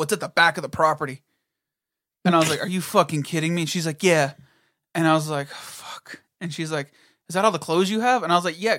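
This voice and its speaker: A man's voice: a little high, fairly bright tone, no room sound, studio quality. A man in casual chat, telling a long story with heavy swearing and quoted back-and-forth. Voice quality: profane, storytelling with quoted voices.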